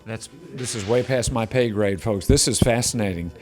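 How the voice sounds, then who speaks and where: A man's voice: fairly low pitch, moderate pace, a little mellow. A man reporting live on a morning news show from inside a game shop, upbeat and joking with the people he meets. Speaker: field reporter.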